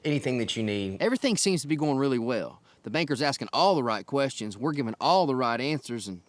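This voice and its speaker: A man's voice: medium pitch, sing-song, quick pace. A man with a Southern US accent, a cattle business partner talking and narrating on a reality show. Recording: music behind the voice.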